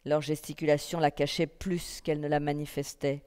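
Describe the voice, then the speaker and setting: A woman reading a literary text aloud at a festival, in a calm, measured first-person narration. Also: deep voice, clear, resonant tone. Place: festival stage in a hall. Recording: long reverb of a hall.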